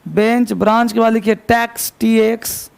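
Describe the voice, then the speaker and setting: A man's voice: very high voice, level tone, moderate pace, gravelly, smooth. A male English teacher with a Hindi-speaking North Indian accent, giving a classroom grammar lesson, spelling words out letter by letter and asking students questions he answers himself.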